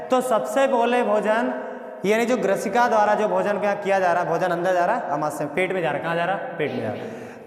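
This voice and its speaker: In a reverberant room where the sound rings with a long echo, a male biology teacher with a high voice runs his lecture as call and response. He repeats every question several times, then supplies the answer on his own.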